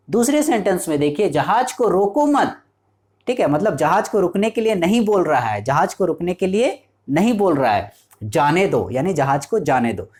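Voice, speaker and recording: A man's voice: on the high side, darkish tone. A male teacher giving a lecture. He explains each point step by step and keeps checking in with his students. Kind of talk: classroom lecture.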